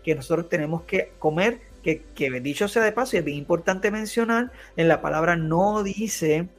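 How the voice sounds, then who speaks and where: Guy with a fairly high voice explaining scripture on a podcast, keeps saying "right?", soft music under. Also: moderate pace. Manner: keeps adding tag questions, frequent hesitations. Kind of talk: conversational Bible teaching.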